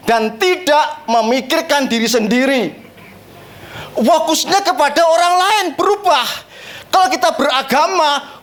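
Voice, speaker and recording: A man preaching a sermon as pastor in a church, telling funny stories and laughing often as he talks. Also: extremely high pitch. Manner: animated, joking, laughs often at his own stories. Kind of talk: humorous storytelling sermon.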